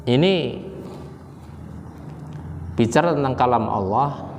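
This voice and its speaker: Guy preaching to a congregation, chatty, keeps asking the crowd stuff, long echoey hall, bit of background hiss. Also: gravelly. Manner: conversational, quizzes listeners with quick questions; animated, with sudden rises in pitch for emphasis. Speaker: Islamic preacher. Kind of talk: religious lecture to a congregation. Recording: reverberant hall, faint background noise.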